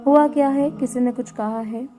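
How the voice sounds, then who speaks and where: Woman voicing a gentle, flustered young groom. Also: high-pitched, fairly even intonation, normal speed, close to an everyday voice. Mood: coaxing. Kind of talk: story narration.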